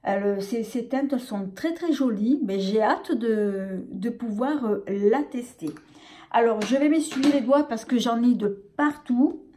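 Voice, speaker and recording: A woman's voice: fairly high pitch, measured pace, warm tone. A woman with a French accent reviewing a makeup palette in a casual, hesitant way, full of fillers and restarts. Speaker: beauty vlogger.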